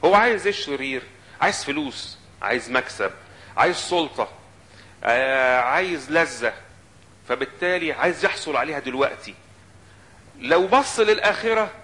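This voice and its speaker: Quoting scripture and acting out the voices of its figures, an Egyptian Arabic-accented man delivers a lively sermon. His pitch sits in the mid range.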